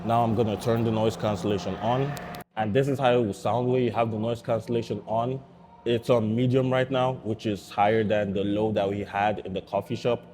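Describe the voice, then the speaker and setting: A man reviewing gear in a steady, explanatory way, his voice heard through a wireless mic's noise cancellation with processing artifacts. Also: on the low side, a little fast. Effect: noise-cancelled through a wireless mic, with processing artifacts. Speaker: product reviewer. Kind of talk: casual tech review walkthrough.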